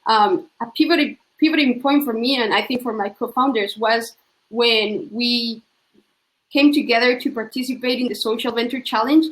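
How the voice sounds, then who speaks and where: A woman's voice: on the high side, moderate pace, fairly bright tone. Young woman in an echoey room. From Colombia. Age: young adult. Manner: reflective, many fillers like "like" and "um". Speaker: panelist. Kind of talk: panel discussion answer.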